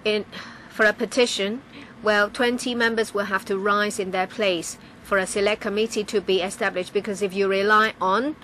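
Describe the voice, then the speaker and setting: A woman giving live interpretation of a legislative debate, halting, with frequent pauses and restarts. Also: medium pitch, steady tone, pushed and bright, a little hiss or hum, low-quality recording. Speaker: simultaneous interpreter.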